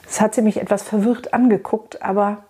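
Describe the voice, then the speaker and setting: A woman with a slightly husky, breathy voice talks through her experiences as a child therapist. Her pitch sits in a middle range. She speaks in an earnest, reflective and frank way and talks straight to the listener as if across a table. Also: steady tone, fairly quick, dark tone. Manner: conversational, addresses listener directly. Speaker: child and adolescent psychotherapist. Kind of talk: personal storytelling talk.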